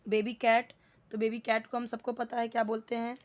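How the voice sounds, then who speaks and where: A woman's voice: fairly high pitch, completely flat delivery, moderate pace. Woman teaching English words, lo-fi sound. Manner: asks questions then answers them, repeats words for drill. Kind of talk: spoken English lesson.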